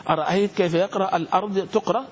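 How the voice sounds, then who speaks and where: A man teaching a grammar class, questioning his students and spelling words out slowly. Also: high-pitched, a little mellow. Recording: echoey room with long reverb, faint noise.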